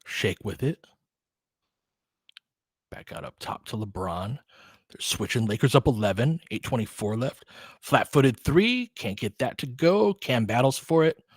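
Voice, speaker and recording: In a mid-range voice with a breathy edge and lively intonation, a man calls a basketball game live for fans, unhurried and pausing often between his clipped play calls and casual chat replies. The audio is studio quality with no echo.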